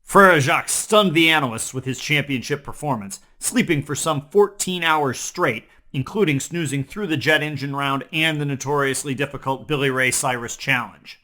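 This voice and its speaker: A male comedy news host reads scripted parody headlines with mock-serious newscaster delivery. His voice sits a little high and sounds pushed and bright, moving at a moderate pace with hardly any pauses.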